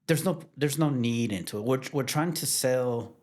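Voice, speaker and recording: A man who works as a wedding photographer, talking casually in an interview with a relaxed, plainspoken manner and frequent restarts. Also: mid-range voice, normal speed.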